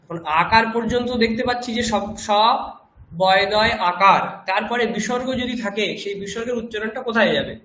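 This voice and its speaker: High-voiced Bengali teacher in an echoey room. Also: male voice, sharp tone. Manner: patient, repeats words slowly to model pronunciation. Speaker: Sanskrit teacher. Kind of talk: classroom lesson explaining pronunciation. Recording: echoey room with faint background noise.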